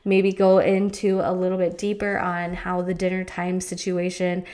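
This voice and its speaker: A woman's voice: on the low side, monotone, moderate pace, darkish tone. Chatty woman podcast host. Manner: chatty, rambling, upbeat. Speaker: podcast host and fitness coach. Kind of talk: casual podcast chat. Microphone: studio podcast mic.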